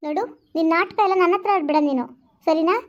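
A woman plays a jealous young woman scolding her lover in a rural vlog skit, reproachful and fast-talking. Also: highs cut off. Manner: reproachful, quick and high-pitched. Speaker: amateur skit actor. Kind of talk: village vlog skit acting.

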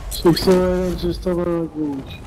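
A man's voice: high-pitched, fairly even intonation, unhurried, darkish tone. A man talking casually with friends during a video game, with noise behind his voice. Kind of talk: casual gaming chat. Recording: noisy game voice chat.

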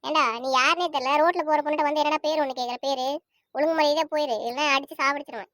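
A tough, tall young woman in a cartoon snaps out threats and scoldings, as a woman voices her. Her voice sits high and rattles along quickly, recorded close and dry. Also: fairly even intonation, a bit bright, no echo. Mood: angry. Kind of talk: cartoon voice acting.

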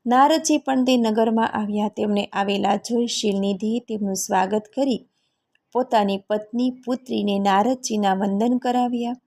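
Female narrator for a devotional scripture reading, steady and even delivery. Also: medium pitch.

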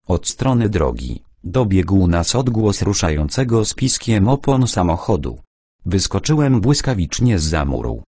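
A man narrating an adventure audiobook in the first person with steady storytelling. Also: low voice, no echo, studio quality.

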